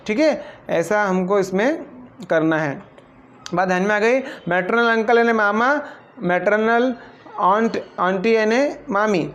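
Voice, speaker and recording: A man's voice: sits high, fairly bright tone, highs cut off. A man from India, teaching a vocabulary lesson and often quizzing the class with repeated questions. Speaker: English teacher.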